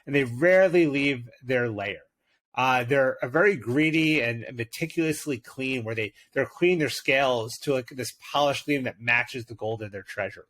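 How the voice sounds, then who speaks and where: Enthusiastic man, mid-pitched. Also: moderate pace, fairly bright tone. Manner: enthusiastic, with frequent fillers. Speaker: podcast co-host and game master. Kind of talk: casual chat and dramatic narration.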